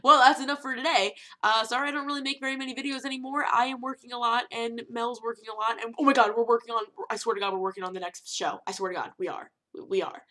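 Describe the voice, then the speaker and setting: A young woman talking casually to camera in a vlog, animated and rambling, with emphatic rhetorical questions. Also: on the high side, quick pace, few pauses. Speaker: vlogger.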